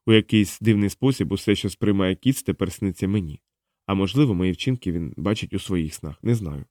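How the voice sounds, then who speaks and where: A man narrating a science-fiction audiobook in first person, in a calm, measured reading. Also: low-pitched, dry recording, studio quality.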